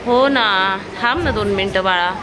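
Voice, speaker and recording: A woman with a Marathi accent narrating a casual vlog outdoors in the rain, gently coaxing her little daughter. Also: medium pitch, normal speed, over a noisy crowd, rough recording. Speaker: vlogger. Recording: loud outdoor background noise.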